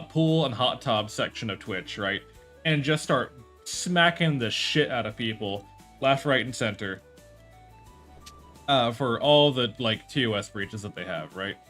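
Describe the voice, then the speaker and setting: A man's voice: medium pitch, fairly bright tone. A man streaming live, talking casually and rambling, with many fillers, restarts and some swearing.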